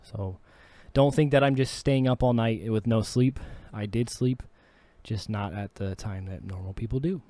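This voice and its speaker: A man's voice: on the low side, normal speed, warm tone, dry recording. Laid-back slangy young-sounding man. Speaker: music producer and singer. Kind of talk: casual vlog talk.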